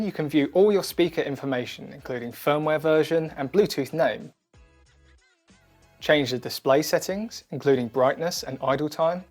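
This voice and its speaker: A product demo presenter with a slightly high voice narrates a scripted demonstration, speaking clearly and methodically as he walks the listener through the instructions step by step. Soft background music plays behind him.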